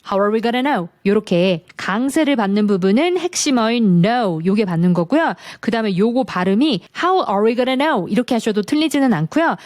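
A woman gives an online English lesson. She explains each point step by step and models phrases slowly. Her voice is dry and close. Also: mid-range voice, a little mellow, dry recording. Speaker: English teacher.

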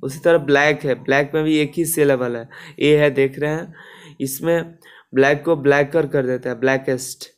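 A man's voice: a little high, fairly even intonation, normal speed, smooth. A man teaching a grammar lesson, explaining step by step with many fillers and restarts.

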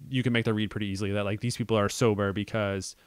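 A man's voice: on the low side, little pitch movement, rapid-fire, clean tone, dry recording, clean studio sound. A young man co-hosting a casual podcast about a film adaptation, thinking aloud with many ums and restarts. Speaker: podcast co-host.

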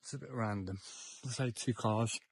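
A man's voice: on the low side, normal speed, breathy edge, dry recording. A young man, chatty and a little tipsy, rambling and repeating himself as he films a walking vlog on town streets with a handheld phone. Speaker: vlogger. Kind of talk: casual walking vlog commentary. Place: outdoors on town streets at dusk.

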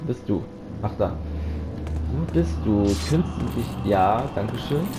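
Jumpy German gamer yelling into his mic. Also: on the low side, animated, a little slow, loud music behind the voice. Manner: jumpy, yelps and shouts when startled; talks to game characters and viewers. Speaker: let's play commentator. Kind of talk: casual gameplay commentary. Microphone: close desk microphone.

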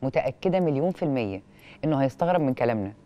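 A female TV host with an Egyptian accent reads and comments on a letter expressively and questioningly, using a lapel mic in a studio. Her very deep voice comes rapid-fire, and the recording sounds muffled.

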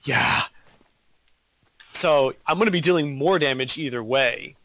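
A man's voice: medium pitch, unhurried, pushed and bright, no echo. A man in casual gaming chat, ranting animatedly and swearing while explaining changes to his class.

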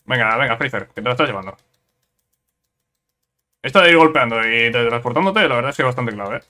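In a bright, mid-pitched voice, a man gives casual let's-play commentary on his own gameplay, speaking in excitable bursts, repeating words and adding quick tag questions. Keyboard clicks sound behind him.

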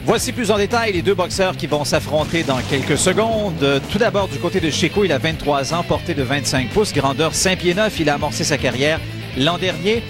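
A man's voice: fairly high pitch, expressive, a little fast, music in the background. A man with a Quebec accent giving boxing commentary on television. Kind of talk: TV sports commentary.

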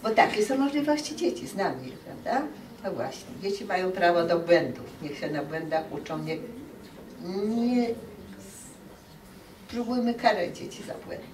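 A woman giving an open lecture to teachers, talking in a lively way and acting out quoted parents and children. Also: fairly low pitch, normal speed, distant mic, background noise. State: dry throat. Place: lecture hall. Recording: echoey hall, recorded from afar.

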